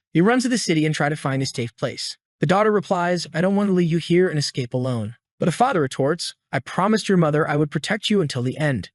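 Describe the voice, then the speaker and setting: A man giving scripted recap narration of a comic fantasy story in a plain, steady read-aloud voice. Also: a little high, no echo, studio quality.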